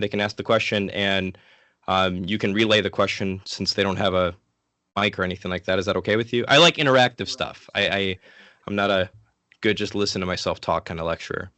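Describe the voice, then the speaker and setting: A man giving an informal, interactive lecture in a casual, conversational way, sick and low on energy. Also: a bit bright, no echo. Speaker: guest lecturer from an online ministry.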